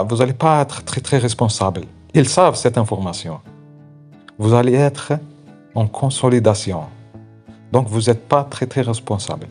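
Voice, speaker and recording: Low-voiced man teaching haltingly. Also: mellow. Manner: halting, repeats words while searching for phrasing. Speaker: online exam-prep teacher. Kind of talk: informal instructional talk.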